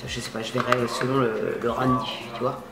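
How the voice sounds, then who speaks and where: A woman's voice: very deep voice, level tone, fairly quick, creaky, roomy sound, over a noisy crowd. A woman chatting casually while demonstrating how she dyes her hair, slangy and full of fillers. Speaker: beauty vlogger. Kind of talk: casual hair-dye tutorial chat. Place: home at night.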